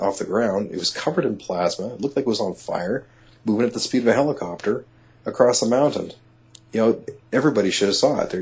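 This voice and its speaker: A man talking as an interview guest, telling a personal story in a halting way, full of restarts and "you know", and he gets excited when he is amazed. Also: fairly low pitch, breathy edge. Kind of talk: conversational storytelling. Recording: dull lo-fi audio.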